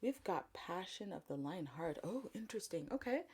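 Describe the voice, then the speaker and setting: Soft-spoken woman giving a tarot reading. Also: fairly low pitch, sing-song, slightly rough. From Congo. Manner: gentle, thoughtful, pausing often with fillers. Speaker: tarot reader. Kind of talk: spiritual card reading.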